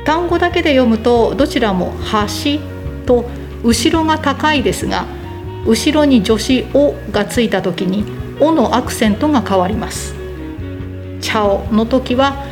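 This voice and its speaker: Careful Japanese teacher, woman, high voice. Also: animated, music in the background. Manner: slow, careful demonstration of word accents. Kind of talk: language lesson explanation.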